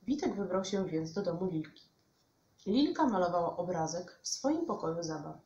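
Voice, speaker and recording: A woman teacher reading a bedtime storybook aloud in an expressive, lively way. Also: on the low side, normal speed, a little hiss or hum. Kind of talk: storybook narration. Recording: echoey room, dull lo-fi sound.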